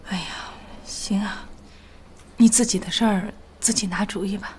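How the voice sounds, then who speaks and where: A woman voicing a worried middle-aged mother in a TV drama. She speaks softly and pleadingly at a middle pitch, over faint room ambience. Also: steady tone, normal speed, slight background noise, close to an everyday voice. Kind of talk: TV drama acting.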